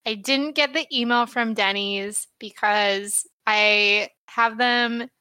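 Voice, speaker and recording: A woman's voice: fairly high pitch, steady tone, slow, pushed and bright, clear, resonant tone, no echo. A woman in a casual podcast chat, indignant and sarcastic.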